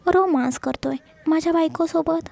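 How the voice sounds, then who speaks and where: A woman's voice: extremely high pitch, normal speed, creaky, darkish tone, voice pushed up, exaggerated voice. Woman reading as a teasing young husband. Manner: playful, doting.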